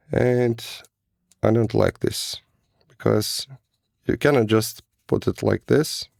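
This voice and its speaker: Slow, gravelly man reviewing gear. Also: medium pitch, darkish tone, no room sound, clean studio sound. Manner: hesitant, halting, non-native phrasing. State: sick, rough voice. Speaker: flashlight reviewer. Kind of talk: casual product review.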